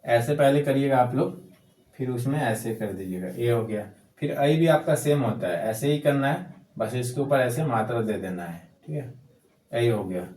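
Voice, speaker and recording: A man teaching Hindi letters, explaining slowly and repeating each step patiently. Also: medium pitch, expressive, mellow. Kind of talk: casual handwriting lesson. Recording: echoey room.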